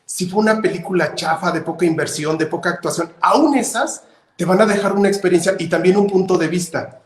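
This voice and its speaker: A man with a Mexican accent speaking on an online panel. He gives calm, encouraging advice with everyday examples. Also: high-pitched, fairly quick, roomy sound. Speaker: panelist, designer and artist.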